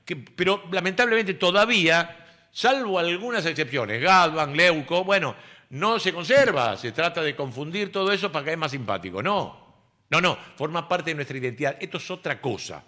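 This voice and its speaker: A man's voice: a little high, expressive, moderate pace, sharp tone. An Argentine man in his sixties, a radio host and speech teacher, explaining word usage in a didactic way. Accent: Argentine Spanish. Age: 60s. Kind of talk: casual radio chat.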